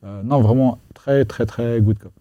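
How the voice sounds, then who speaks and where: A man on a discussion panel, speaking with relaxed enthusiasm. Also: mid-range voice, a little slow, dry recording, lo-fi sound. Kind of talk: casual panel chat.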